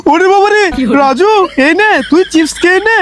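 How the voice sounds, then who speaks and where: A man doing a squeaky bossy big brother. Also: a little fast, very noisy. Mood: teasing bossy. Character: bossy prankish older brother.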